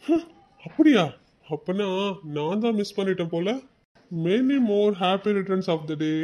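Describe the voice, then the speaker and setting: A man's voice: fairly high pitch, normal speed, a little mellow, natural voice. A man voicing a supportive adult friend in a cartoon, speaking in a reassuring way. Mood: cheerful. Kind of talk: cartoon voice acting.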